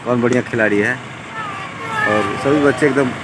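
With a medium-pitched voice full of huge pitch swings, a young man unhurriedly narrates his outdoor walking vlog on a foggy morning, chatty and always pointing things out for viewers. It's shot on a handheld phone, with clear street noise and vehicles passing by.

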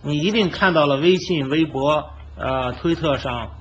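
A man's voice: a little high, a little slow. A male commentator heard over a phone line, answering an interview question directly and explaining point by point. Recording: lo-fi phone recording with faint hiss.

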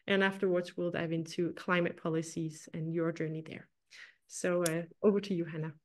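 A woman's voice: lowish voice, flat delivery, normal speed, slight background noise. A young woman moderating an online event over a video call, speaking hesitantly with many restarts.

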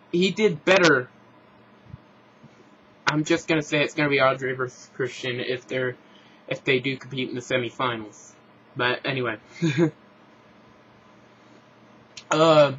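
A man's voice: medium pitch, sharp tone, lo-fi sound, a little hiss or hum. A man rambling frankly through a casual vlog review, restarting and correcting himself as he goes. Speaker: show reviewer. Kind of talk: casual opinionated vlog commentary.

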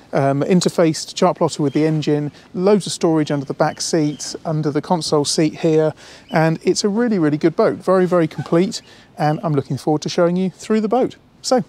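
A man's voice: a little high, warm tone. Upbeat man touring a boat outdoors. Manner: enthusiastic, with frequent fillers and repeated words. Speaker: boat salesman. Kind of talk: walkthrough tour. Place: outdoors on a marina pontoon and aboard a boat. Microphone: handheld camera, speaker walking around it.

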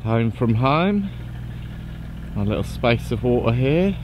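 A man's voice: mid-range voice, big pitch swings, slow, noisy background. A man in his forties, chatting cheerfully in a casual outdoor vlog at a lakeside fishery, recorded on a handheld camera. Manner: chatty, upbeat, teasing. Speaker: vlogger and angler.

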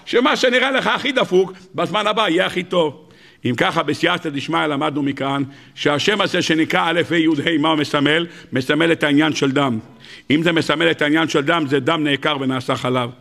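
A man preaching a sermon as a rabbi, animated and emphatic, acting out voices in his stories. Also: creaky. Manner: animated preaching, rising to high emphatic peaks and acting out dialogue.

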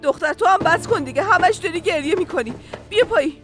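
A middle-aged woman dubbing a sharp-tongued grandmother who scolds her household. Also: expressive, faint music behind. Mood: scolding. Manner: scolding, shrill when angry. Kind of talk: Persian dub of a TV series.

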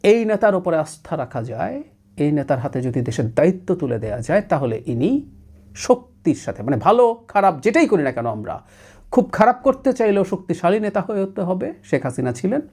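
A man's voice: high-pitched, sing-song, moderate pace, a little mellow, husky. A man from Bangladesh hosting his own show, giving an analytical commentary monologue on politics with an emphatic manner that often slips English phrases in.

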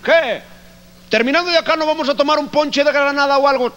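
A man doing a shrill, blustering Spanish fellow. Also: fairly quick, background noise. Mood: chummy. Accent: put-on Castilian Spanish. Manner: high, squealing exclamations.

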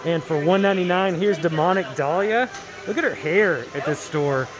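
A man's voice: high-pitched, normal speed. A man vlogging as he walks through a large Halloween store, enthusiastically reviewing the props and their prices. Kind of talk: casual handheld walkthrough commentary. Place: large empty retail store, indoors. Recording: loud store noise around the mic. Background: loud noise from props and store.

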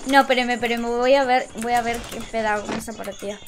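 A woman live-streaming a game, excitable and affectionate with her chat, often shrieking. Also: a little high, fairly quick, slight background noise. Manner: affectionate, calls chat love and baby. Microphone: desk mic with webcam. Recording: loud game music behind voice.

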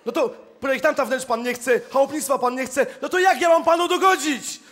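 A comedian playing a weary, exasperated office clerk in a cabaret sketch. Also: male voice, extremely high pitch, brisk, fairly bright tone. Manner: exasperated, repeats polite address, bursts into song. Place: theater stage.

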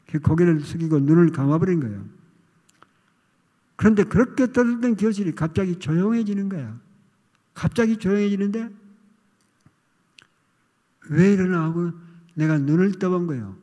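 An older male pastor giving a sermon testimony, telling a childhood story with animated, acted outcries. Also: sits high. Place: church sanctuary. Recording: long reverb of a church hall.

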